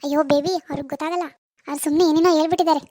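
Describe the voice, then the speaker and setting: A woman's voice: sits high, fairly even intonation, rapid-fire, dark tone, no echo, lightly acted. A woman voicing a worried middle-aged mother in a cartoon, soothing and pleading with her daughter. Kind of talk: cartoon voice acting.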